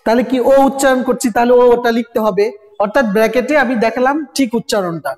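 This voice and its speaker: In a recorded grammar lesson, a teacher keeps throwing rhetorical questions at the students and repeating sounds. The voice is medium-pitched, fast and somewhat dark. The room is echoey, with a long reverb tail.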